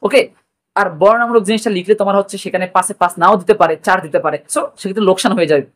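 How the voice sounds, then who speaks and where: A man's voice: sits high, fairly bright tone. A man with a Bangladeshi accent teaching an exam prep lesson, repeating key points and mixing in English words. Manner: rapid, repetitive, mixes English words.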